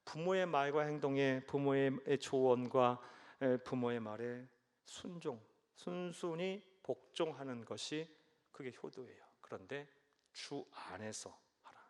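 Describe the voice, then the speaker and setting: A man's voice: medium pitch, unhurried, clean tone. A man preaching a sermon to his congregation, emphatic, acting out the voices of people in the story and asking the listeners questions. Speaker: pastor. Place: church sanctuary. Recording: long hall reverb.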